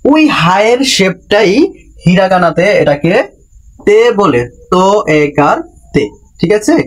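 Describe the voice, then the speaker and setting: A man's voice: high voice, animated, measured pace. A man teaching a class, patiently explaining each point and repeating questions back to the listener. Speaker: Japanese language teacher. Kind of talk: classroom-style lesson explanation.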